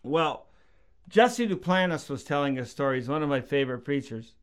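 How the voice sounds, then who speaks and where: A middle-aged preacher, appearing as a podcast guest, talks casually about faith and tells stories, acting out quotes in a raised voice. His voice is a little high, expressive and smooth, at normal speed.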